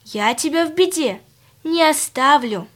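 A woman's voice: high-pitched, expressive, a little slow, fairly bright tone. Woman doing a sly sugary fox. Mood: coaxing. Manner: coaxing, sugary tone. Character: sly sweet-talking female fox, fierce when threatening.

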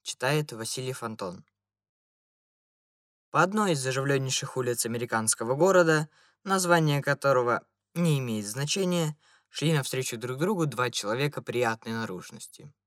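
Measured male audiobook narrator, dry. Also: mid-range voice, animated, fairly bright tone, dry recording. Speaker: audiobook reader. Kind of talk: scripted narration.

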